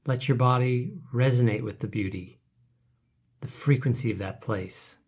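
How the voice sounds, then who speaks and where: A man leading a guided relaxation meditation, speaking softly and calmly, his phrases trailing off into whispers. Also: medium pitch, breathy edge. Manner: soft, calm, trailing off to whispers.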